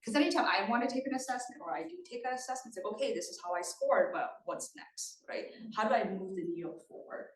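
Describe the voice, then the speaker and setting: A woman's voice: mid-range voice, expressive, fast, few pauses. A woman from Thailand giving a conversational presentation at a community meeting, often checking in with her listeners. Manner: engaging, often checks in with the audience. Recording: roomy sound from a distant mic.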